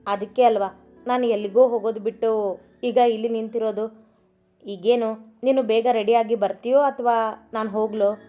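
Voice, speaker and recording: A woman's voice: a little high, steady tone, moderate pace, pauses often, natural voice. A woman doing a curt, teasing young husband. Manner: terse, offhand replies. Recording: dull recording with soft music.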